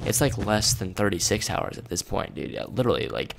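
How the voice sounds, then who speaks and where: An eighteen-year-old man quietly commentating a game late at night in his bedroom, calling viewers "boys" and "dude". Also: deep voice, very animated, brisk, gravelly, soft background music. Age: 18, young adult. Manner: hushed and casual, calls viewers "boys" and "dude". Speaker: gaming YouTuber. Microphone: desk microphone turned up.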